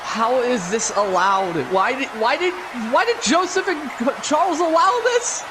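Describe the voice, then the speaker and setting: A man's voice: very high voice, a little slow, noisy background. A man providing color commentary on a video game wrestling match, incredulous and exclamatory.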